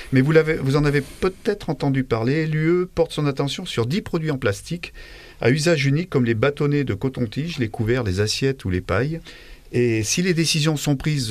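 A man's voice: mid-range voice, no room sound. A man hosting a radio column in a studio, jovial and chatty, often correcting himself. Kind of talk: radio chronicle with guests. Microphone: studio microphone.

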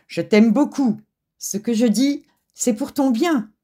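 A woman's voice: a little high, slow, mellow, pitched above the performer's own voice. A woman doing a stern, loving mother cat. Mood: reproachful. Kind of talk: storybook reading.

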